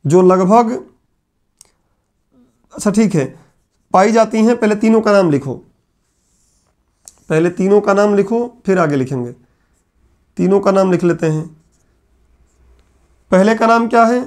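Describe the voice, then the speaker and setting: A male teacher giving a classroom lecture, repeating key phrases slowly so students can write them down. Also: sits high, lively intonation, a little mellow. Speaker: exam coaching teacher. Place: classroom with whiteboard.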